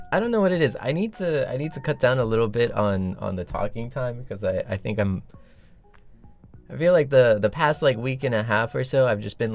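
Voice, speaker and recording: A man hosting a casual livestream, rambling playfully with a slightly rough morning voice. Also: fairly low pitch. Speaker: livestream host. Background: background music.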